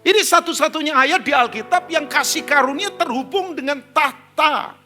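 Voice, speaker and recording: A man's voice: extremely high pitch, normal speed, faint music behind. A middle-aged Indonesian-accented male pastor preaching a storytelling sermon, joking and acting out conversations with his congregation. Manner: animated, joking, acts out dialogue, talks to the band and congregation.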